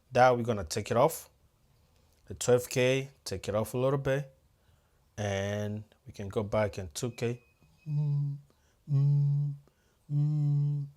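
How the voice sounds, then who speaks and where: Speaking in a somewhat low voice, this AV technician leads viewers through a live audio setup as a hands-on tutorial. He keeps it casual, reasoning out loud step by step as he tweaks the gear and addresses his audience directly as "guys."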